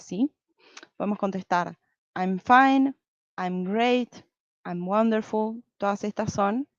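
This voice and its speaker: A woman's voice: medium pitch, no echo. Woman teaching beginner english, patient and step by step, dry slightly muffled mic. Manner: patient, explains step by step, keeps checking with "¿sí?". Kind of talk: online lesson with slides.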